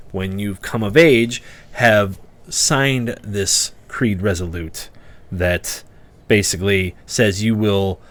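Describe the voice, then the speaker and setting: A man narrating a tabletop fantasy game as game master, conversational and descriptive, a bit halting as he improvises. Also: on the low side.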